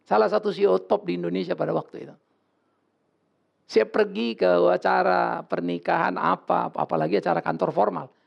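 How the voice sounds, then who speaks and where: Male pastor, sermon; blunt, joking, casual delivery; very gravelly voice, muffled lo-fi recording. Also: high-pitched, fairly even intonation, a little fast. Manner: blunt, joking, colloquial preaching.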